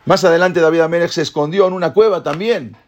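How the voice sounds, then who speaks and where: A man teaching a Torah class, retelling the story in a lively way and acting out the characters' voices. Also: a little high, fast talker, lo-fi sound. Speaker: religious teacher.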